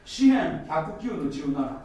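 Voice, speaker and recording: A man's voice: on the high side, very animated, takes it slowly, dark tone, slight background noise. A male pastor preaching a sermon, repeating key phrases and asking the congregation questions. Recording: very echoey church hall from far off.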